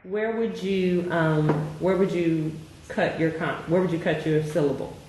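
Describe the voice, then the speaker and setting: A woman's voice: lowish voice, fairly even intonation. Patient woman tutor in echoey room. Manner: patient, encouraging, slow questioning prompts. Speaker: reading tutor. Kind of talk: one-on-one phonics tutoring. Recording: very echoey room, faint noise.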